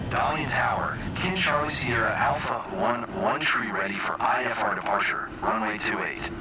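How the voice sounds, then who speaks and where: A man's voice: medium pitch, moderate pace, background noise, lightly acted. A man playing a pilot on cockpit radio. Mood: crisp. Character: male airline pilot calling the tower on radio. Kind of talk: clipped radio phraseology.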